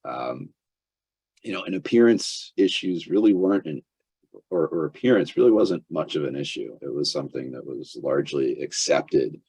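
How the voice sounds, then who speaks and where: A man in his fifties, a congested lawyer hosting a webinar, talking haltingly with lots of fillers and restarts. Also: a bass voice, animated, darkish tone, slightly rough, dry recording. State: congested, recovering from illness. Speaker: employment lawyer, webinar host. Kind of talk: webinar presentation. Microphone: computer mic on a video call without camera.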